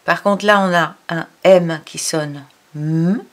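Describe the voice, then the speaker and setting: A woman's voice: fairly low pitch, steady tone, takes it slowly. A woman giving a reading lesson to a child, sounding out syllables and explaining patiently. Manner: addresses the child directly. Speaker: reading teacher.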